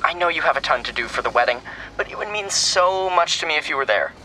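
Young adult younger brother, American, sentimental, teasing, forward bright tone, audio drama, noisy ambience. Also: male voice, a little high, animated, fast. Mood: sheepish. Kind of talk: scripted audio drama, phone conversation.

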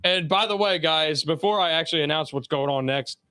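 A man's voice: a little high, a little fast, pushed and bright, smooth, dry recording. A man hosting a casual live-streamed sports podcast, chatting informally with his buddies.

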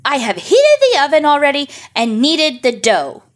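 A woman voicing a wicked old witch, spiteful and greedy, with a shrill, gloating, cackling manner. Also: huge pitch swings, moderate pace. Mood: scornful. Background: soft music.

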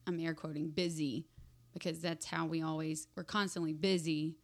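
A woman with a low voice and a gravelly, fry-laden edge, chatting on a faith podcast. She talks casually and often chimes in with quick asides. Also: level tone. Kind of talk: casual conversation.

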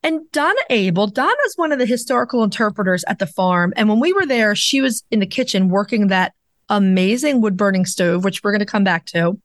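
A woman's voice: medium pitch, lively intonation, a little fast, no echo, clean studio sound. A woman co-hosting a podcast, chatting casually and asking her guest questions with enthusiasm. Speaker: podcast co-host.

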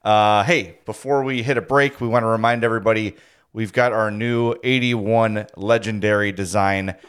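A man's voice: on the low side, fairly even intonation, moderate pace, fairly bright tone, clear, resonant tone. American man hosting casual sports talk. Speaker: sports talk show host.

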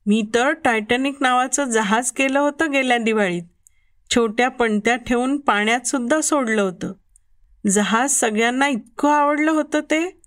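Woman storyteller, high voice, expressive first-person children's narration. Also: moderate pace. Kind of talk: reading a children's story aloud.

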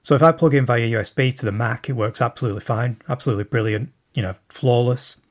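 A man with a mid-range voice leaves a recorded listener message for a show, asking a question while thinking aloud. He speaks quickly and rambles, filling his speech with plenty of fillers.

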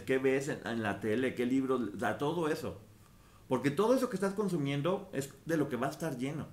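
A man hosting a casual book discussion, explaining ideas earnestly through everyday examples. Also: mid-range voice. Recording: roomy echo with faint ambience.

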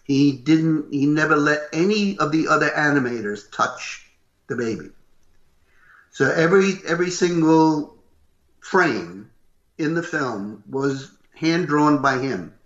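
An older man with a loud, gruff voice, telling animated stories as a voice actor being interviewed. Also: on the high side, measured pace. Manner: animated, acts out what others said. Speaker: voice actor guest. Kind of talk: interview storytelling. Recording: roomy, slightly dull recording.

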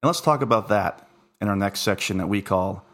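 A man's voice: on the low side, a little fast, fairly bright tone. A man hosting a casual podcast chat, joking and self-deprecating. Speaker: podcast host.

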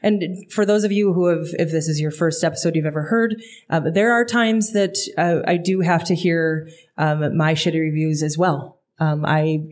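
A woman's voice: deep voice, fairly even intonation, normal speed, darkish tone. A woman co-hosting a true crime podcast live in front of an audience, chatting casually, self-deprecating and often restarting her sentences. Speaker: podcast co-host. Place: brewery venue before a live audience.

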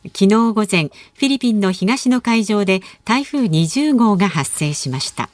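A woman co-hosting a radio show. She reads the news and keeps the chat moving with brisk, teasing remarks. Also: mid-range voice, lively intonation, no room sound. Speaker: radio announcer and co-host. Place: radio studio.

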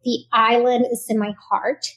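Her voice sits a little high, moves little in pitch, and runs at normal speed. She is a Puerto Rican doctor, a native Spanish speaker, appearing as a podcast interview guest. She speaks earnestly and warmly, with plenty of fillers and frequent "right?" tags.

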